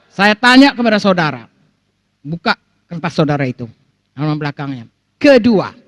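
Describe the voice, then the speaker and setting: A middle-aged woman pastor from North Sumatra preaches a sermon in a mid-range voice, recorded with no room sound. She preaches animatedly, acts out the voices of people she quotes, and keeps addressing the congregation.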